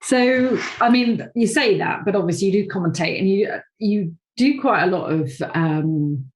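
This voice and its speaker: This podcast host and awards founder interviews her guest by video call, her talk meandering and peppered with fillers. She speaks at a normal speed in an animated, mid-range voice. The recording sounds poor.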